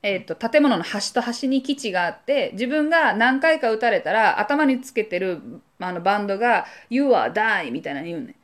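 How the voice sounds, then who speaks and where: A woman's voice: medium pitch, lively intonation, normal speed, hardly any pauses. A woman speaking, co-hosting a podcast and telling a story in casual chat, acting out voices and sound effects as she goes. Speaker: podcast co-host.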